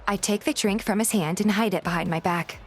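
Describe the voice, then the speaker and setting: Over background music, a voice actor delivers first-person, audio-drama-style story narration as the heroine of a fan dub. She speaks briskly at a medium pitch.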